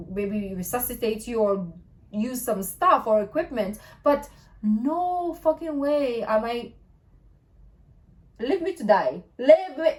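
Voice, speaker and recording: Young female reaction host, higher voice, casual and incredulous. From Philippines. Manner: chatty and animated, incredulous outbursts.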